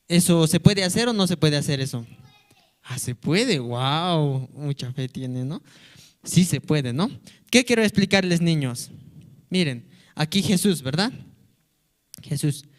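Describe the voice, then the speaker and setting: A man teaching a children's church lesson, playfully asking the kids question after question. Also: a little high. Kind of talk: Sunday-school lesson for children.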